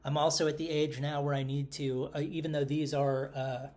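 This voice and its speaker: A man's voice: on the high side, little pitch movement, moderate pace, darkish tone. A middle-aged man with a New York accent co-hosts a casual podcast chat. He rambles and pokes fun at himself, with lots of "um" and "uh" as he loses his train of thought and picks it back up. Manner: rambling, self-deprecating, with fillers. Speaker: podcast co-host.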